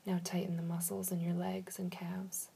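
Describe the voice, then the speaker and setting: A woman leading a guided relaxation in a soft, soothing manner, giving slow instructions with long pauses. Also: lowish voice, flat delivery, vocal fry, a little hiss or hum.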